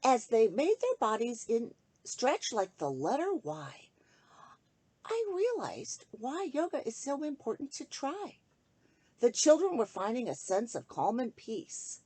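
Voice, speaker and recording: Her voice on the high side and husky, a woman reads aloud a rhyming story for children in an expressive, sing-song style, addressing the young audience directly.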